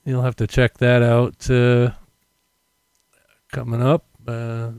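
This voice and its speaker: Casual American male podcaster, smooth mid-pitched voice, loose and self-correcting, dry close condenser mic with popping p sounds. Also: monotone, slow, a little mellow, dry recording. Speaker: podcast host. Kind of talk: casual unscripted solo podcast chat. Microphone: condenser mic without windscreen.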